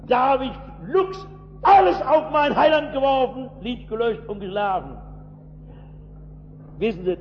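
A man preaching a sermon, talking straight to his listeners with rhetorical questions and swinging between loud emphatic bursts and hushed asides. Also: high-pitched. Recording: dull lo-fi recording in a reverberant hall with faint hum.

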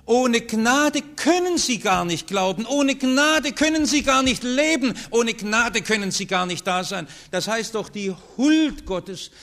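A man delivers a sermon in a high, unhurried voice. He speaks earnestly and swings between hushed, low passages and loud, rising ones. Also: expressive. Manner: earnest, with strong rises and falls in pitch and loudness. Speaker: preacher.

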